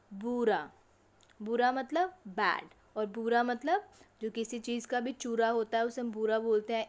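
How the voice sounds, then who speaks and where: A woman teacher giving an online lesson to young children. She reads words slowly, one at a time, and asks questions that she answers herself. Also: on the high side. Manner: slow, drawn-out word-by-word reading for children. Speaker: school teacher.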